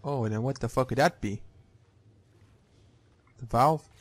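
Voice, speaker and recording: A man's voice: mid-range voice, measured pace. A man giving casual, sweary playthrough commentary, reacting aloud as he plays a game. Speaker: gamer. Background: game music.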